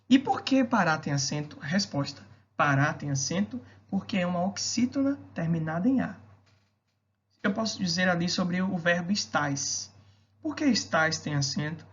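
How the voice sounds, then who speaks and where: Low-voiced woman teaching a grammar lesson. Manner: didactic, checks in with rhetorical questions. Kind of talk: recorded video lesson on grammar. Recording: dull lo-fi recording.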